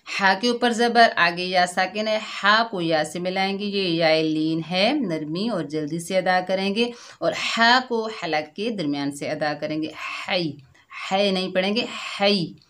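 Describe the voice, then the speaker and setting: A woman teaching Quran recitation word by word, patient and explanatory, slowing to draw out each recited word. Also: lowish voice, a bit bright. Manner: patient and explanatory, often adding a checking "theek hai"; slows and draws out the recited words. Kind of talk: slow word-by-word recitation lesson.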